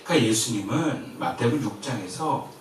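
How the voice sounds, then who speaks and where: A Korean man preaching in a very echoey church, picked up from a distance with faint ambience behind him. His voice moves lively up and down, from emphatic declarations to hushed, gentle words of comfort. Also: mid-range voice, a little fast, a little hiss or hum. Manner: lively, shifts between loud and soft, quiet gentle quoted comfort. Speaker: pastor. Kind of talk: sermon. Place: church sanctuary.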